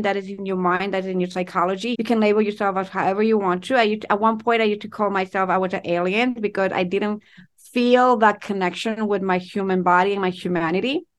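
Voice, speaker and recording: A woman from Ecuador talks as an interview guest, her voice in the middle range for a woman. She speaks expressively, lining up words in slow, flowing strings. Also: mid-range voice, a bit bright. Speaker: intimacy coach and guest. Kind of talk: conversational interview.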